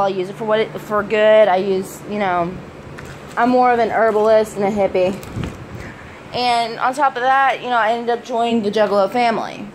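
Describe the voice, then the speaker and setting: A woman's voice: fairly high pitch, low-quality recording. A young American woman talking casually as a vlogger, with a preppy-sounding voice and a blunt, sweary manner. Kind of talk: casual personal vlog talk. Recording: faint background noise.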